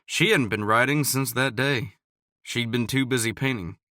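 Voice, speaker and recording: A man calmly narrating a romance audiobook in scripted narration. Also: medium pitch, moderate pace, no room sound, clean studio sound.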